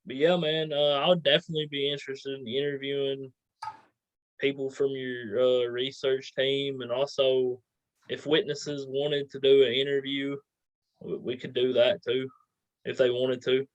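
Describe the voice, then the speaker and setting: A man's voice: mid-range voice, little pitch movement, moderate pace, no echo. Muffled, dry-sounding man interviewing. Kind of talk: casual chat.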